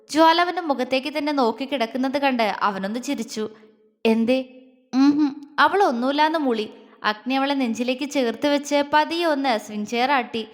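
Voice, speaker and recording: Woman storyteller, high voice, steady expressive reading, long reverb on the recording. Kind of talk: scripted story narration.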